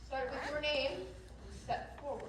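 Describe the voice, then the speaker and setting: A woman's voice: high-pitched, normal speed, distant mic, background noise, lightly acted. A woman playing a curt, impatient stage director in a live musical, recorded from afar in an echoey hall. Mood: commanding. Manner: curt and commanding. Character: stern, impatient stage director running auditions.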